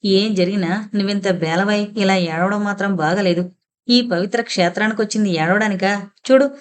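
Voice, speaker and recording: Gentle caring woman friend, read by a woman, soft, reassuring, audiobook. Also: mid-range voice, close to an everyday voice. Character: caring gentle female friend, soothing and firm.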